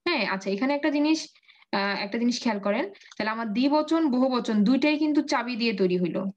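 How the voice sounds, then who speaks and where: A woman's voice: a little high, lively intonation, quick pace, a little mellow, lo-fi sound. A woman teaching an online Arabic grammar class, patiently drilling word endings and asking her students questions.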